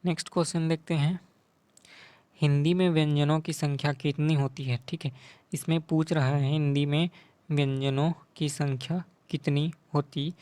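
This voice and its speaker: A male tutor talks through quiz answers in an even, level voice that barely rises or falls. He keeps checking in with the listener after each point. The sound is close and dry, with no room echo. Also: fairly high pitch, moderate pace. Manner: repeats "ठीक है" and "है ना" often. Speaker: teacher.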